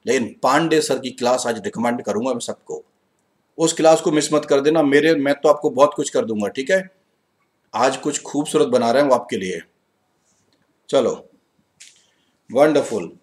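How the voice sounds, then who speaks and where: This exam-prep English teacher, a man with an Indian accent and a mid-range voice, hosts a live grammar class online using a blend of Hindi and English. He's spirited and coaxing, slowly reading sentences aloud and murmuring to himself as he checks the answers.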